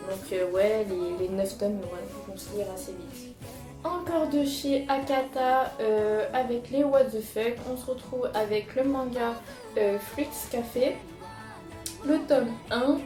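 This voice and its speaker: A woman's voice: on the high side, fairly even intonation, slow pace. Chatty young Frenchwoman in an echoey room. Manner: chatty, hesitant, many fillers and restarts. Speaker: manga vlogger. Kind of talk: casual chat showing purchases. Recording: echoey room with music behind.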